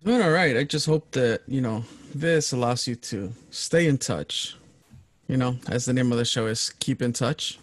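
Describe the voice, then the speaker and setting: A man's voice: medium pitch, moderate pace. A man co-hosting a casual podcast, easygoing and filler-heavy as he chats. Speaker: podcast co-host.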